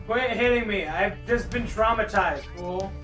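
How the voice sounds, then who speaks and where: A man in casual gameplay chat, playful and excitable, his voice jumping from low mutters to high calls. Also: a little slow, over loud music. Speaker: VR game streamer.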